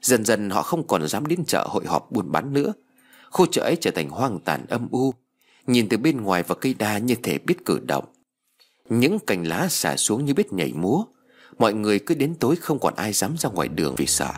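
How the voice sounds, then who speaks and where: A man narrating a ghost story in an expressive storytelling manner with a husky voice. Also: lowish voice, moderate pace.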